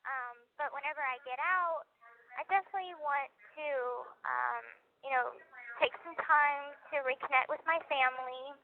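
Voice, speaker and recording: A young woman talking on a prison phone line, soft-spoken and hesitant. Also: high-pitched, moderate pace. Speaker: inmate calling from prison. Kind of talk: casual phone conversation.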